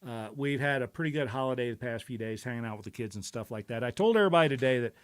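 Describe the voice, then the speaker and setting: A middle-aged man chats casually on his own stream, telling stories at length. He wanders through his thoughts with plenty of "uh"s and restarts, and his pitch sits in an ordinary middle range. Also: racing, smooth. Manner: rambling, reflective, many fillers and restarts. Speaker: show host. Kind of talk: casual live-stream chat.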